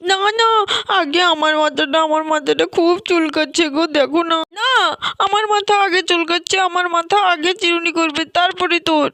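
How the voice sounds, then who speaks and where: A woman's voice: moderate pace, bright, forceful tone, no room sound, exaggerated voice. A woman voicing a fretful little girl with lice in her hair, whining and complaining in a doll story. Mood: bossy whining. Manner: whiny, complaining, high-strung. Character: little girl with an itchy, lice-ridden head.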